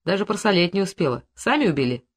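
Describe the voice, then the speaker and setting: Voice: mid-range voice, sing-song, fast talker. A reader doing a wry, probing investigator. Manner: probing, mildly mocking. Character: brisk, wry male police investigator.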